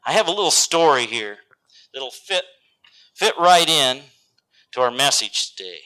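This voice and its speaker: Slow, dramatic male preacher. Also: medium pitch, sing-song, rough recording. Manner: dramatic, swings from loud lines to hushed whispers. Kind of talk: sermon with scripture reading and storytelling.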